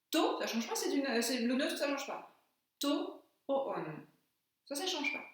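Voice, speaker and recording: A woman teacher giving a classroom lesson, slowly and patiently spelling out examples step by step. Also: on the high side, recorded from a distance. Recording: echoey room, voice from off-mic.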